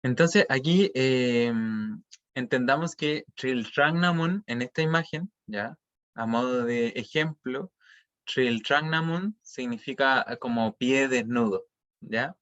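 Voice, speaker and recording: A man's voice: medium pitch, slow, a bit bright, muffled recording. A man teaching an online language class, explaining patiently and checking often that students follow.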